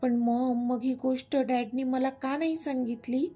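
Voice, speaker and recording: A woman's voice: high-pitched, fairly even intonation, a little slow, warm tone, soft background music. A woman voicing an anxious young son. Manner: urgent, anxious. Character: impatient, worried young son.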